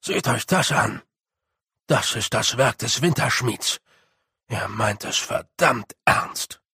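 A small, gruff blue fairy chieftain who grumbles at everyone with weary patience, played by a man. His husky, gravelly voice moves slowly and pitches a little low. The recording is dry and close. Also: bright, forceful tone, no room sound, exaggerated voice. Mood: grumbling.

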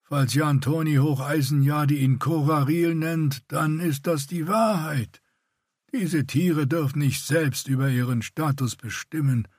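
A man's voice: fairly high pitch, unhurried, slightly rough, no room sound, clean studio sound, pitched above the performer's own voice. A man voicing a tall, older male warrior who grumbles and speaks dismissively. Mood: haughty.

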